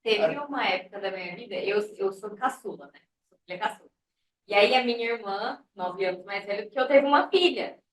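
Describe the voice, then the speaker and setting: A woman's voice: medium pitch, a little fast, a little hiss or hum. A woman in her twenties, a student telling a candid personal story in class. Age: 20s. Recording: roomy class audio from far off.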